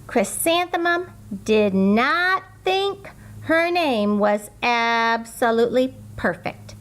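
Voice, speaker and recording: A woman reads a picture book aloud for children. Her voice sits on the high side and she takes her time, delivering the story slowly and deliberately with sing-song emphasis. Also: animated, fairly bright tone. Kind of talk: expressive scripted storybook read-aloud.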